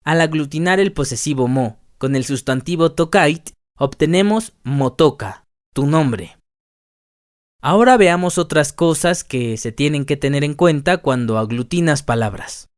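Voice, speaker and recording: A man narrating a scripted language lesson, reading word lists slowly and deliberately. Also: on the high side, expressive, no room sound, studio quality. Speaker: language teacher.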